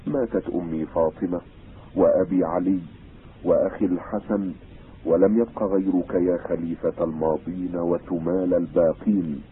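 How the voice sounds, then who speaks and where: Man reading a grieving sister's lament, deep and formal; tinny old radio. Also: steady tone, husky. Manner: formal, measured recitation. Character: grieving woman, a sister lamenting her brother. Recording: tinny old radio broadcast, faint hiss.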